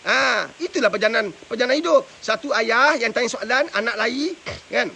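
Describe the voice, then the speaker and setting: A madrasah religious teacher gives parenting advice on a live stream, preaching and constantly asking listeners rhetorically whether they understand. His very high voice is fairly quick, pushed, and bright, with vocal fry. The live stream mic adds a little hiss or hum.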